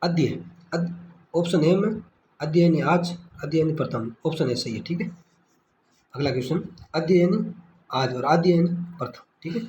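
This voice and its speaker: A man with a fairly high voice tutoring through exam questions. He quizzes himself aloud and repeats each answer, checking in with "okay" over and over. The sound is echoey with a faint hiss, recorded on a phone screen-recorder. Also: expressive, normal speed, long pauses, darkish tone. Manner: repetitive quiz-style questioning, frequent "ठीक है". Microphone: screen-recorder phone mic.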